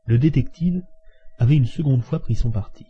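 A man reading a classic novel aloud as audiobook narration, measured and expressive. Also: mid-range voice, husky. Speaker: audiobook reader. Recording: dull lo-fi recording.

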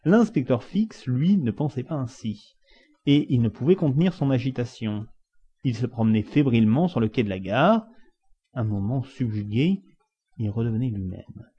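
A man's voice: medium pitch, animated, moderate pace, slightly rough. A man reading a classic novel aloud with dramatic, varied emphasis. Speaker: audiobook reader. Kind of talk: expressive scripted narration of a classic novel. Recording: dull lo-fi recording.

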